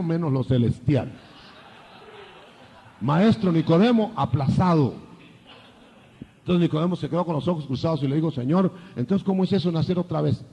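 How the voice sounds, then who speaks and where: An older man preaching a sermon, lively, acting out biblical dialogue in changing voices. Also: on the high side, husky, long reverb tail, muffled recording.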